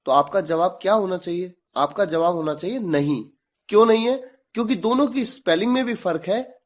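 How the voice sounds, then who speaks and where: Lively-voiced man teaching a lesson. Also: sits high. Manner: spells words out letter by letter and asks rhetorical questions. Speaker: English teacher. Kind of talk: explanatory video lesson.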